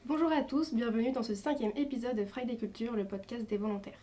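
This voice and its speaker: A woman's voice: fairly high pitch, fast talker, warm tone, faint music behind. A young woman hosting a podcast, reading a scripted intro then chatting casually. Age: young adult. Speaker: podcast host.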